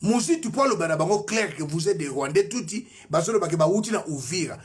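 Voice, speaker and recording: Husky high-voiced man ranting. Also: animated, fairly quick. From Congo, Kinshasa. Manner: agitated, exhorting, bursts into shouting. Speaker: political commentator. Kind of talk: impassioned political rant.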